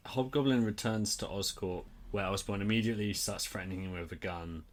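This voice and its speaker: A man's voice: fairly low pitch, fairly quick. A man co-hosting a podcast, recapping an episode in informal, sweary, casual chat and acting out paraphrased lines. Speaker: podcast co-host.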